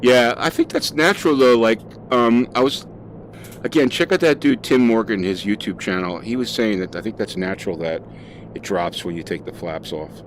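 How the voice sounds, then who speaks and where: Deep-voiced man narrating a flight sim. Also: moderate pace, slight background noise. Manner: relaxed, thinking aloud with fillers. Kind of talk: casual gameplay commentary.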